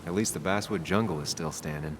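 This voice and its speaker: A man's voice: sits low, fairly quick, slight background noise, lightly acted. An actor playing a brooding male journalist in a video game. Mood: wary. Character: male journalist back in his hometown, brooding. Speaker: game protagonist.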